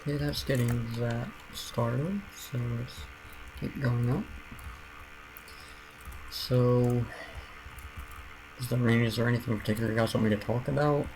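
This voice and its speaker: A man streaming a building game, giving casual commentary and rambling aloud with frequent restarts and soft trailing mutters. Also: mid-range voice, fairly even intonation, a little slow, long pauses, noisy background.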